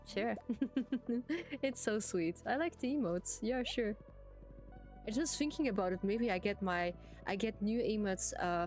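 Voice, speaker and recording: In a mid-range voice, a streamer with a German accent talks lightly to her audience during a farming game, her English simple and hesitant.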